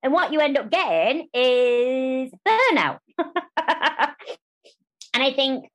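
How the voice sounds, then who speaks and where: A woman speaking candidly as a podcast interview guest, animated and quick to restart phrases and act out what others say. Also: high-pitched, low-quality recording. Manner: animated, restarts phrases, acts out quoted voices.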